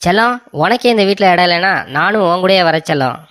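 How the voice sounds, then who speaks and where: Voice actor doing a cartoon husband, doting, coaxing, rapid talk, dry close mic. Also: medium pitch, a bit bright, dry recording, natural voice. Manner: coaxing, sweet-talking. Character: doting young husband, soft on his wife. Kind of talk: cartoon comedy voice acting.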